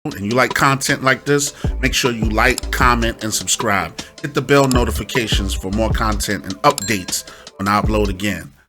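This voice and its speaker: Over music, a man with a lowish voice speaks at a moderate pace as host of a music production tutorial. It's a casual step-by-step lesson where he instructs and frequently checks in using brief tag questions.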